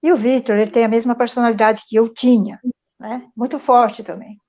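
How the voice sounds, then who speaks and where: A woman's voice: fairly high pitch, steady tone, a little fast, dark tone. Earnest middle-aged woman on a muffled call. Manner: earnest, reflective, frequent tag questions. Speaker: speaker sharing a testimony. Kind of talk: personal storytelling in an online meeting. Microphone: video call. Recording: muffled lo-fi video call audio.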